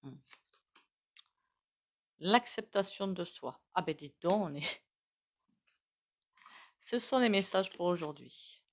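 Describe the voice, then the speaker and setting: A woman's voice: fairly low pitch, lively intonation, slow pace, pauses often. A woman doing a casual tarot reading, chatty and full of asides to her viewers. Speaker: tarot reader.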